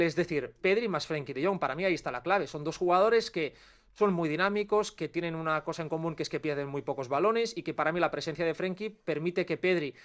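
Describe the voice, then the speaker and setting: A man with a Spanish accent, a football pundit giving quick, analytical commentary on a sports talk show. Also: a little high. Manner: fast, analytical, dense run-on sentences.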